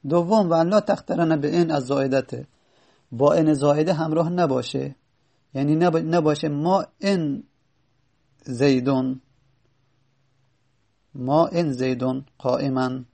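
A man teaching a grammar lesson, patiently explaining and repeating examples slowly. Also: a little high, vocal fry, warm tone.

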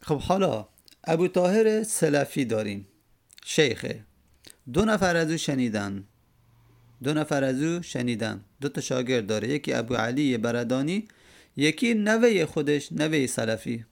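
A man's voice: mid-range voice, expressive, gravelly. A man giving a religious lecture, explaining a quoted Arabic verse word by word and repeating key terms. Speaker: religious teacher. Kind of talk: classroom lecture explaining a hadith text.

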